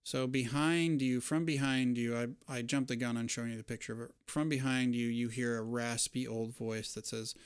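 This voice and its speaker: Clear-voiced male game master, dry sound. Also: mid-range voice, steady tone, moderate pace, hardly any pauses, dry recording. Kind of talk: narrating a tabletop role-playing game, conversational.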